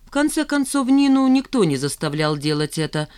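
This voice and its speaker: A nosy male friend , as an audiobook reader plays him, chatters with eager curiosity. He runs through the rumours in an animated, slightly self-important voice at a middle pitch. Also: normal speed, lightly acted. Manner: gossipy, animated. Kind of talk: audiobook character voice.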